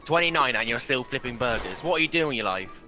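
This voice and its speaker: A man's voice: medium pitch, animated, quick pace, sharp tone, soft background music. A man bantering brashly over game voice chat, teasing and boasting in character as a wealthy player. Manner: brash, teasing, mock-posh.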